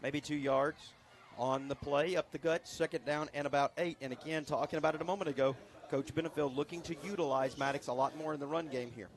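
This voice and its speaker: A man calling a local high school football game on the radio, getting excited on big plays. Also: a little fast. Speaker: play-by-play announcer. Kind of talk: local radio sports commentary.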